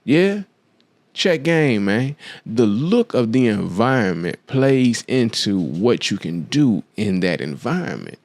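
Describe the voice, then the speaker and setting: A man's voice: fairly low pitch, sing-song, slow, a little mellow, no echo. A man hosting his own show, telling a film story in a casual, slangy way and acting out the quotes as he goes. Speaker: podcast host. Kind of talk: casual monologue, film analysis.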